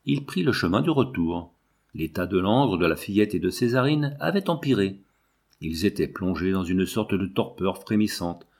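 A man narrates a novel as an audiobook in a low, husky voice. His reading is measured and even.

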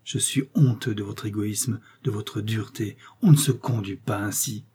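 A man reading aloud and voicing an upright young gentleman who speaks earnestly and urgently. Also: lowish voice, normal speed, breathy edge. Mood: indignant.

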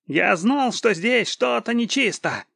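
A man voicing a captured bandit spy who talks in a hoarse wheeze. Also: on the high side, animated, takes it slowly, no room sound, clean studio sound, exaggerated voice. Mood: panicked. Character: wounded bandit spy, sullen then panicking man.

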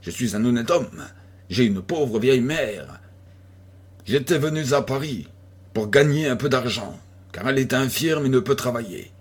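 A man's voice: mid-range voice, lively intonation, normal speed, breathy edge. A man voicing a terrified young male servant who pleads through sobs in a storybook reading. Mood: sobbing plea.

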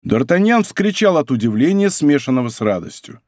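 A man narrating an audiobook in an expressive, theatrical reading on a close studio mic. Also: mid-range voice, a little fast, no room sound.

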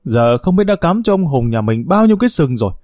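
A man's voice: fairly high pitch, big pitch swings, fast, darkish tone, dry recording, studio quality, faint music behind. A man voicing an outspoken, heated young woman who complains bluntly in an audio story. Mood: indignant.

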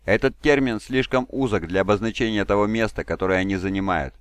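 A man's voice: lowish voice, fast, clear, resonant tone, no echo, close to an everyday voice. A man voicing a proud, fatherly giant male warlord who speaks in a solemn, commanding way.

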